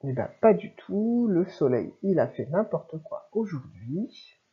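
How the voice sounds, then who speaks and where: A woman teacher giving a remote reading lesson to young children, sounding out syllables slowly and clearly and encouraging the child. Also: on the low side, big pitch swings, lo-fi sound. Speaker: primary school teacher.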